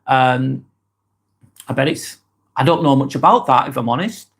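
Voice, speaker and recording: Reading out viewer comments on his livestream, a vlogger from East Lancashire, England, chats in a rambling Lancashire-accented way, often saying um and restarting. He talks at normal speed in a mid-range voice that is creaky, husky and fairly bright.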